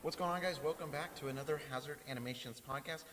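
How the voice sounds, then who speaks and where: A man hosting a casual podcast, animated and joking, laughing often. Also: fairly high pitch, fast. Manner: lively, laughs often, jokey. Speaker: podcast host. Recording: hissy audio with long reverb.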